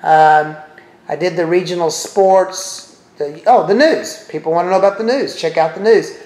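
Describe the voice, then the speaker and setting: Demonstrating a TV streaming service, this middle-aged presenter speaks at normal speed in a high, a little mellow voice. He clicks through casually, thinking aloud and chatting to viewers in asides, with noticeable room echo.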